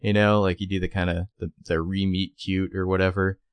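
A man's voice: low voice, little pitch movement, brisk, clean tone, no echo. A man co-hosting a casual film discussion in an informal, jokey way. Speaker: podcast co-host.

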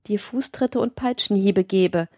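In an audiobook novel reading, a woman voices a cold, imperious mistress commanding her lover, stern and haughty with open contempt. Her natural voice is medium-pitched, measured and a little mellow, and the sound is dry and close with no echo.

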